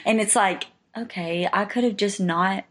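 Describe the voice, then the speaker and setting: A woman's voice: mid-range voice, measured pace, fairly bright tone. A young woman in casual conversation, talking freely with lots of filler and laughter. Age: young adult. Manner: chatty, lots of likes and laughs. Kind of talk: casual chat.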